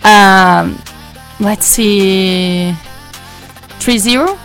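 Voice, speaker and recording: A woman's voice: mid-range voice, very slow, fairly bright tone, soft background music. A woman from Brazil with a Brazilian Portuguese accent, a guest in a live studio interview who speaks chatty, hopeful English with restarts.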